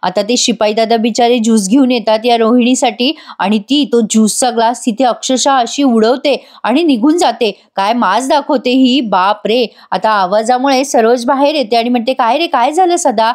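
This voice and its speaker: Fields: Voice: high-pitched woman. Role: serial recapper. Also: moderate pace, hardly any pauses. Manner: chatty, lively retelling with small laughs. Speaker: TV serial reviewer. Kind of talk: casual episode recap narration.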